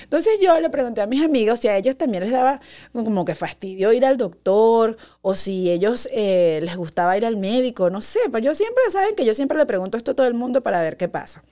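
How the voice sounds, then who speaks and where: A young adult woman, hosting a podcast as a chatty, animated storyteller. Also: on the high side, fairly quick. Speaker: podcast host. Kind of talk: casual monologue.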